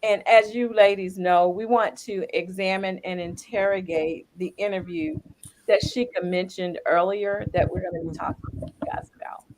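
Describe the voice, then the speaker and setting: A woman's voice: medium pitch, steady tone, normal speed, darkish tone, slight background noise, low-quality recording. A woman podcast co-host reading upbeat introductions of guests.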